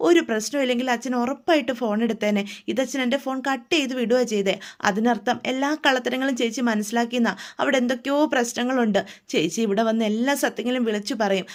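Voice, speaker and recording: A woman's voice: on the high side, quick pace, lightly acted. Woman doing a frightened young woman with secrets. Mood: anxious. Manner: anxious, pleading.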